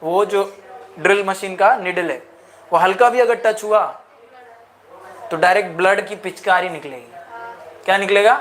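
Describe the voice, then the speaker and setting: A man's voice: high voice, unhurried, pauses often, fairly bright tone. A man teaching a lecture, mixing in English phrases and asking the class questions again and again. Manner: asks the class repeated questions.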